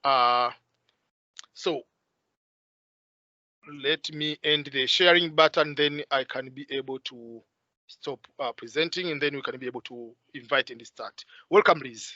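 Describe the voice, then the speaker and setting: A man's voice: mid-range voice, measured pace, pauses often, pushed and bright, no echo, lo-fi sound. A man hosting an interview over a video call, talking with many hesitant "uh" fillers. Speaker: host.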